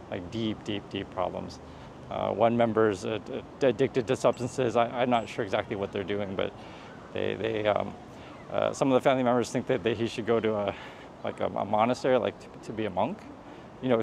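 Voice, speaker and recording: This man, out on a traffic-lined street, talks through a walking vlog, giving sincere, meandering advice full of restarts. His medium-pitched voice is creaky and darkish in tone, with a little noise behind him.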